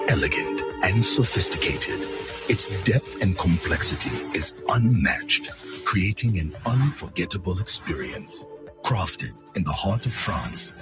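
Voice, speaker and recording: A man reading a scripted luxury commercial voice-over. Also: low-pitched. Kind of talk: luxury advert narration. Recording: music behind the voice.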